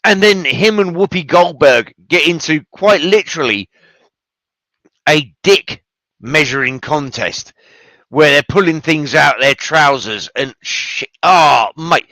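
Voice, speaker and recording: A man's voice: on the high side, slow pace, bright, forceful tone, dry recording, poor audio. A man hosting a show, giving casual, enthusiastic film commentary with rambling asides and free swearing. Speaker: podcast host.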